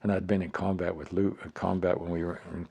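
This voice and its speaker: A man's voice: low voice, flat delivery, fast, vocal fry, a little mellow, husky. An elderly American man, a veteran remembering his service in a plain-spoken way, telling anecdotes and acting out the dialogue. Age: older, elderly. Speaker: war veteran being interviewed.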